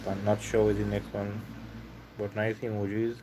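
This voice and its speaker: A man with a Trinidadian accent, from Trinidad and Tobago, hosting a casual livestream chat in a relaxed way and reading out viewers' comments. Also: on the low side, moderate pace, noisy background. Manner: relaxed, reads comments aloud. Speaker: livestream host.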